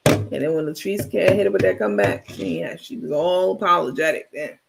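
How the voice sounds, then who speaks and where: A man hosting a live stream, casually gossiping and reacting to his viewers' chat in an animated, blunt, talkative way. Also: high voice, a little fast, creaky. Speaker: livestream host.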